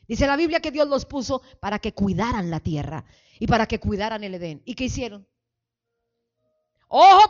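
Fervent woman pastor with a high voice, shouting exhortations in a muffled church recording. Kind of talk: call-and-response sermon. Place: church sanctuary.

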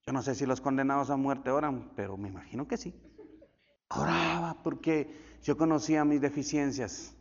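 A male pastor telling stories in a sermon, swinging from loud, high bursts to hushed, near-whispered lines. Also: moderate pace. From Colombia. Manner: animated storytelling with sudden drops to near whisper. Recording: dull echoey church hall.

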